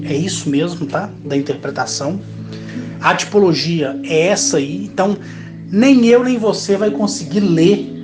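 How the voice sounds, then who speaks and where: A man's voice: fairly high pitch, reverberant, rough recording. A man talking earnestly to his viewers in a rambling monologue, often checking in with little tag questions. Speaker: channel host speaking on spiritual and alien contact.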